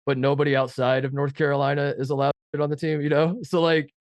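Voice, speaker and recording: On a sports podcast, a co-host with a head cold talks fast in a fairly high, nasal voice with little pitch movement, recorded dry. His casual chat rambles, full of jokes and self-mockery.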